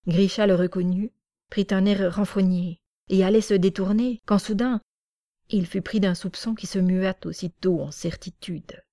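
A woman narrating an audiobook in a slow, even storytelling manner. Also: mid-range voice, no room sound, clean studio sound.

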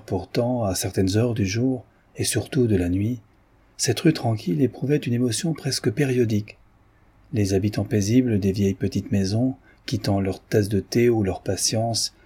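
A man reading a classic novel aloud as audiobook narration, in a measured, descriptive manner. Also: on the low side, mellow, breathy edge. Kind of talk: scripted narration.

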